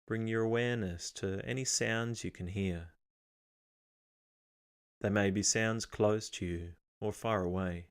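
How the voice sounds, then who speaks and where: Smooth and fairly low, this man's voice leads listeners through a guided meditation. He speaks in a calm, measured way, offering gentle step-by-step directions with pauses between phrases.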